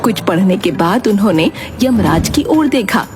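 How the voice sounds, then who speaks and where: A woman narrates a scripted cartoon tale in a lively, varied pitch. Music plays under her voice. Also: normal speed.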